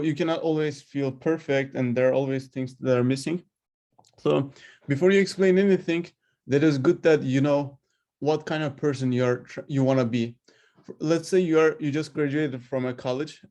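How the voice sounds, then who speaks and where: A man with a mid-pitched voice coaches listeners informally. He speaks English as a second language. His delivery is conversational and halting, thinking aloud and giving examples as he goes. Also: a little mellow. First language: not English. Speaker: speaker giving career advice. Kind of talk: informal unscripted coaching talk.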